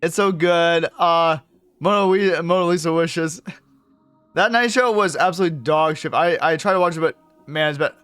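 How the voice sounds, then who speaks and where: A man's voice: on the high side, moderate pace, fairly bright tone, clear, resonant tone, no echo, faint music behind. A young man streaming live, chatting casually with viewers in a rambling way, cursing freely and laughing often.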